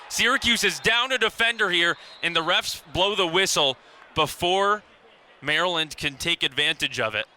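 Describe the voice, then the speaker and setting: A high-pitched man in his 20s calls live radio play-by-play at an outdoor lacrosse stadium, using clipped descriptive phrasing and getting excited on big plays. The broadcast is noisy, full of outdoor stadium ambience.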